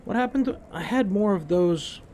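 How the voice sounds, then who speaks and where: A man's voice: high voice, animated, moderate pace, a little mellow, slight background noise. A man casually narrating his own gameplay as a streamer, talking to himself with wry, sarcastic asides.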